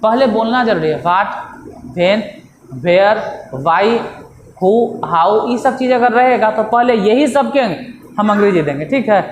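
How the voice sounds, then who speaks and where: A male English teacher with a Bihari accent gives a classroom grammar lesson, coaxing and repetitive, often telling his students to listen. His voice is high-pitched and slow with lively intonation, recorded in an echoey room with faint ambient noise.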